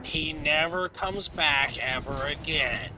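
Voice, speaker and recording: A man's voice: fairly high pitch, slow pace. A man giving casual, blunt game commentary as a co-commentator. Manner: blunt, sweary. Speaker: let's play co-commentator. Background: game music and effects.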